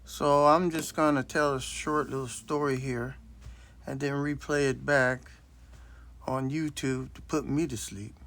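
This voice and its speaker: A man's voice: medium pitch, fairly even intonation, a little slow, fairly bright tone. A man in his late sixties telling a rambling, blunt story as a casual monologue into his phone. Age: 60s. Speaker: vlogger. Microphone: self-recorded on a phone.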